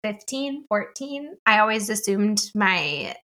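A woman's voice: medium pitch, sing-song, slow pace, bright, forceful tone. A woman in her thirties with a Midwestern accent touched by Texas twang, telling stories in a casual podcast chat. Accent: Midwestern mixed with Southern Texan. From American Midwest. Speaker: podcast co-host.

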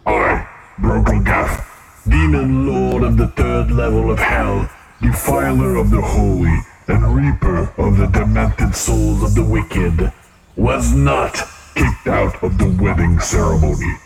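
A gravelly, low-voiced demon lord of hell, proclaiming his titles with grand self-importance. He speaks slowly, weighing every dark word. Loud music plays behind him. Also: full character voice. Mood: pompous. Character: boastful male demon lord of hell, pompous.

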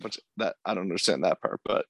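Gravelly low-voiced man recapping a show. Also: quick pace, a bit bright, no room sound. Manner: recaps plot in long runs, laughs easily. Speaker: podcast co-host. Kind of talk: casual chat recapping a TV episode.

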